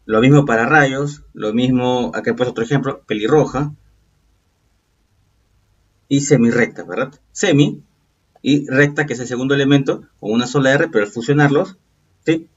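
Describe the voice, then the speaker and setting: A man with a husky, mid-pitched voice teaches a recorded review lesson. He explains things patiently and keeps checking in with the class. The sound is dull and lo-fi, and his voice comes from some way off the mic. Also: moderate pace. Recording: distant, dull lo-fi voice.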